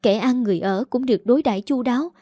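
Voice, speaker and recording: Woman voicing a defiant young daughter, rapid. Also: on the high side, dark tone, dry recording, clean studio sound, natural voice. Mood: heated defiant. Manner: quick, heated pleading.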